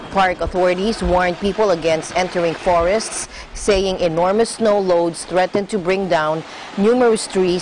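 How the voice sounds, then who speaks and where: News anchor reading over clear background noise. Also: mid-range voice. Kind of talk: scripted news narration.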